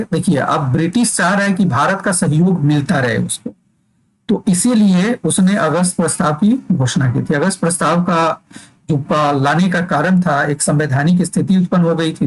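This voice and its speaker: A male teacher with a somewhat high voice leads an exam-prep class. He dictates points slowly for notes and stops to check that his students are keeping up. His tone is explanatory and steady. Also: poor audio.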